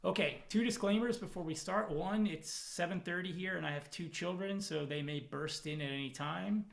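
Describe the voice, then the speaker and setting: In a creaky voice that sits high, a man talks at a moderate pace while presenting as a product manager at a technical conference. He joins by video call from home in the evening, relaxed and self-effacing, with many fillers.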